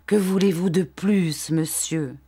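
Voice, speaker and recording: A woman's voice: fairly low pitch, slow, mellow, breathy edge, exaggerated voice. A woman voicing a sly, falsely humble male clerk who fawns and threatens by turns in a storybook reading. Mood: wheedling.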